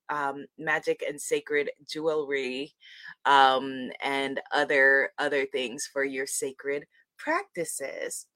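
A woman's voice: mid-range voice, fairly bright tone, no room sound. A woman hosting a live spiritual talk online, chatting with viewers in an exuberant, effusive way and repeating phrases for emphasis. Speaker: livestream host and spiritual teacher.

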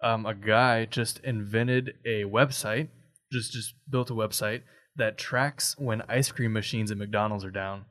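A man's voice: fairly low pitch, fairly even intonation, measured pace, fairly bright tone, dry recording. Man in casual co-host chat, dry sound. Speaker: podcast and radio co-host.

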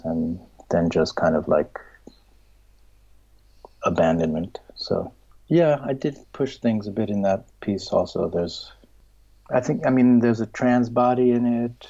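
A middle-aged filmmaker and writer reflects on his work in interview answers, speaking in a slow drawl that halts and searches for words, with many restarts. His low, dark voice sometimes trails off into a soft, breathy whisper. The recording is dull and lo-fi.

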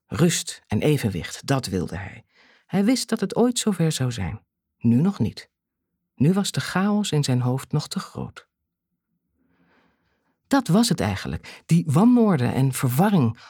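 An audiobook narrator reading a thriller in a measured way, with dramatic pauses. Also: mid-range voice, sing-song, darkish tone, slightly rough, dry recording, clean studio sound.

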